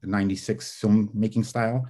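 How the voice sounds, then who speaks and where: This screenwriter guest has a warm, lowish voice with little pitch movement and a moderate pace. A native Spanish speaker, he rambles in a casual video-call interview, gesturing and using many fillers and restarts. He's at home in a study with bookshelves, heard through a webcam mic.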